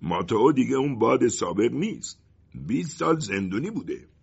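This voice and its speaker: A weary old wooden hut from a storybook grumbles and complains, as a man acts it out. The voice is husky and lively. The recording is muffled and lo-fi. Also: medium pitch, voice pushed up, heavily acted. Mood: grumbling.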